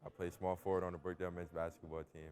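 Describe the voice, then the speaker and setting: A young man from New Jersey, a college basketball player, introducing himself in a rapid, offhand delivery. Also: low-pitched, level tone, darkish tone. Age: young adult. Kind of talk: scripted self-introduction.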